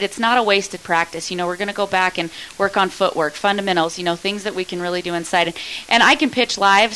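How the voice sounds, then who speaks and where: A woman softball coach talking in a casual interview, upbeat and emphatic. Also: medium pitch, slight background noise, rough recording.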